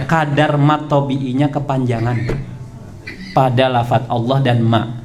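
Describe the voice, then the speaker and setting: An Indonesian man giving a study lecture to a congregation in a prayer hall, repeating key points and drawing out terms slowly. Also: mid-range voice, flat delivery, background noise. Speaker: religious teacher.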